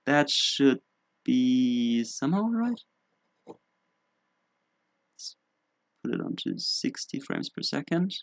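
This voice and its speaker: A man's voice: mid-range voice, sing-song, drawn-out words, creaky, long pauses. A young man from Germany, chatting casually and rambling on a live stream with self-mocking asides. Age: 20s. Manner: self-mocking, rambling, thinking aloud while setting up. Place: home room in England.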